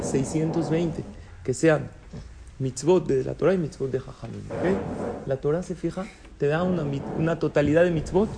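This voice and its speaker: A man's voice: fairly high pitch, gravelly, mellow, slight background noise. A man teaching a casual religious class, asking students questions and joking with them. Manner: conversational, asks students questions and jokes. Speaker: Torah teacher.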